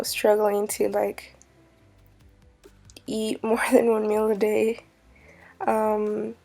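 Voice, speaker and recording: A woman's voice: on the high side, vocal fry, warm tone. A woman in her twenties, a student advocate, speaking hesitantly about her own struggles in a testimonial interview. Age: 20s.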